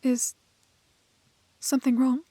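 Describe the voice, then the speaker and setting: In this romantic fantasy audio roleplay, a woman plays a young village maiden who is gentle and curious. Her high, breathy voice holds a level tone as she uses soft, hesitant, old-fashioned courtesies, and the recording is dry. The mood is shy and polite.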